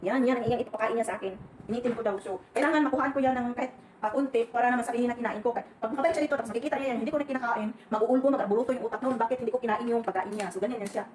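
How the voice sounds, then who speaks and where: A woman's voice: fairly high pitch, darkish tone. A Filipina woman, rambling and venting in a casual vlog while cooking in a kitchen. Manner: rambling, venting, quick chatty talk with laughs. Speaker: overseas domestic worker vlogger. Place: kitchen indoors. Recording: echoey room, faint background noise.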